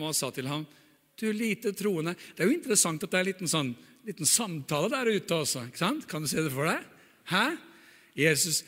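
A man preaching a lively sermon, acting out the quotes with big swings and dropping to hushed tones. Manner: animated, acts out quotes with big jumps in pitch, drops to hushed tones. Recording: long hall reverb.

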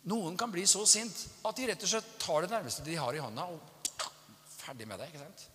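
An animated male preacher with a bright, forceful voice, delivering a sermon and acting out stories with voices and bursts of laughter. His voice sits a little high for a man and rings with a long reverb. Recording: echoey hall.

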